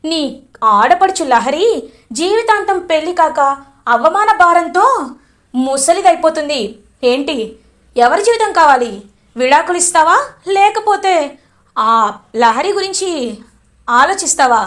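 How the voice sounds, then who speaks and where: A woman's voice: very high-pitched, expressive, unhurried, long pauses, a bit bright, exaggerated voice. Gloating blackmailer, as a woman puts him on. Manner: gloating, threatening. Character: scheming male villain blackmailing a woman.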